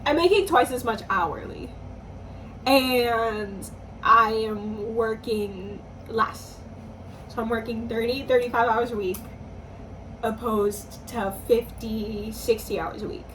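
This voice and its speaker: A woman in her twenties, a musician talking slowly and thoughtfully in a personal vlog, often pausing and restarting her sentences. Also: a little high, fairly bright tone. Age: 20s. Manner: slow, thoughtful, hesitant with restarts. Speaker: musician vlogger. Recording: slightly distant mic, faint background noise.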